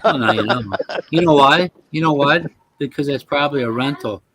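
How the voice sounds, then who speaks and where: A man's voice: a little high, fairly quick, crowd noise. A man in casual, playful banter, teasing his friend. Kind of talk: casual chat.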